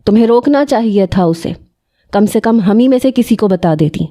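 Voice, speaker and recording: A woman's voice: on the high side, lively intonation, warm tone. A woman voicing a harsh, protective middle-aged aunt who scolds and accuses, in a storybook reading. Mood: scolding.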